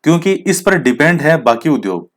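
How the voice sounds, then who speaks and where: A man's voice: on the high side, very animated, moderate pace. A man teaching an exam-prep lecture, who asks questions and answers them himself, mixes in English words, and admits his rustic pronunciation. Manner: explains, then quizzes with questions he answers himself.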